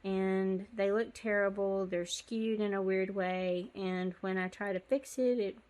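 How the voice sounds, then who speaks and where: A woman's voice: medium pitch, fairly even intonation, unhurried, darkish tone. Chatty woman teaching sock knitting. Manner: chatty and apologetic, with frequent ums. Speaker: knitting tutorial host. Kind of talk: casual step-by-step knitting tutorial. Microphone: phone.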